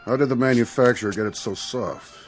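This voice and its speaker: An actor playing Death as a polite, fussy, punctual gentleman with a formal, prim manner in a radio drama. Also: medium pitch, brisk, close to an everyday voice. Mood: sceptical. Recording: music under the dialogue.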